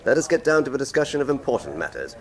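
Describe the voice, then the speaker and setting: An actor playing Professor Moriarty, an older English criminal mastermind, in a radio drama, with courtly, condescending, faintly menacing formality. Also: male voice, mid-range voice, very animated, very fast, lightly acted. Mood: silky menace. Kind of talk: full-cast radio drama acting.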